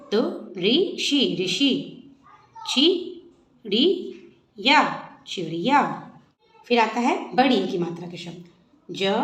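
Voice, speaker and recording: Slow, echoey woman teaching a lesson. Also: mid-range voice. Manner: spells words out syllable by syllable, then blends them. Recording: echoey room.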